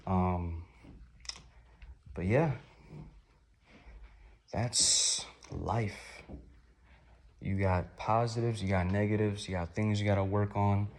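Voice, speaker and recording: A man in his twenties, somewhat hoarse, talking through a rambling, upbeat, reflective vlog. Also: lowish voice, steady tone, slow pace, long pauses. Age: 20s. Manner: rambling, upbeat, gently motivational. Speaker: vlogger.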